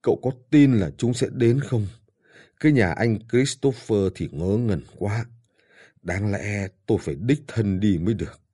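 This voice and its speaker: A man voices a frail old father dying in an audiobook, speaking weakly and in pain as he pleads for the daughters he misses. His deep, dark, husky voice is expressive and a little slow, full of pained yearning.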